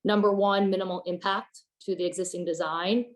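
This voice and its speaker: A woman's voice: mid-range voice, steady tone, brisk. A woman representing a neighborhood group, presenting design principles in a conversational way with fillers. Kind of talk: online presentation.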